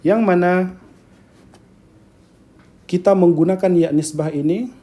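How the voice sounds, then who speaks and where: A man with a Malaysian accent teaching grammar in a lecture, speaking slowly, repeating key terms and often checking that students follow. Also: fairly high pitch, mellow.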